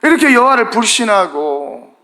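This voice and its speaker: A middle-aged pastor delivers a sermon in a fairly high voice that swings widely in pitch. He keeps questioning his listeners, building up and then sinking almost to a murmur. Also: sing-song, moderate pace, sharp tone. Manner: asks the congregation questions, rises and falls dramatically.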